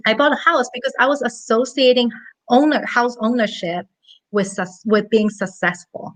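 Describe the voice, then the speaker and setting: A woman's voice: fairly high pitch, fairly even intonation, moderate pace, poor audio. A woman in her thirties from Hong Kong, a money coach telling her story as an interview guest in an earnest, chatty way. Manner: earnest, chatty, with light laughs.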